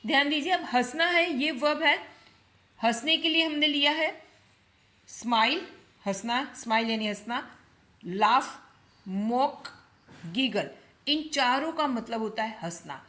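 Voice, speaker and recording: A woman teaching English grammar, slowly repeating each example sentence and explaining it. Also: sits high, lively intonation, pushed and bright.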